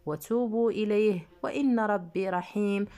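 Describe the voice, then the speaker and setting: A woman voicing a calm, wise elderly male prophet in a retold religious story, speaking in a measured, pleading way. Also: medium pitch, natural voice.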